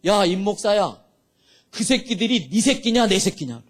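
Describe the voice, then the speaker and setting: The voice of God, loud and commanding, booming over the congregation, as a preacher puts it on. It climbs high and swings widely in pitch. A fatherly, thundering tone. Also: big pitch swings, moderate pace. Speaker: pastor. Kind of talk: sermon.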